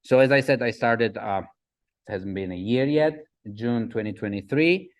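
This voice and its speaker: A man in his forties from the Republic, giving a slide talk as a guest speaker, halting with fillers and often asking "right?". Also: medium pitch. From Czech Republic. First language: Czech. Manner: halting, many fillers and restarts, asks "right?". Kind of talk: presentation with slides.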